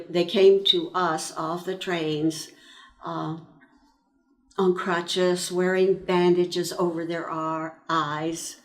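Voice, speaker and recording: Interviewed for an oral history, a woman in her nineties from eastern Pennsylvania, USA, recalls her time as a World War II army nurse. Her voice is lowish, and she narrates slowly and reflectively with many pauses between phrases.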